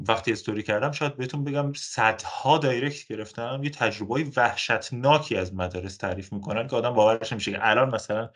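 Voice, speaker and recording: A man's voice: fairly low pitch, a bit bright. A man hosting an interview, asking long questions that set up the topic. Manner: asks long, framing questions. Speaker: interview host.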